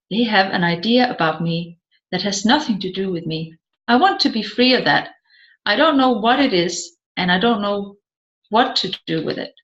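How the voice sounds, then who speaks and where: A woman reads a self-help audiobook aloud, covering seminar talk and question-and-answer exchanges from a transcript. Her mid-range voice has a fairly bright tone. The recording sounds roomy and echoey, slightly dull and lo-fi.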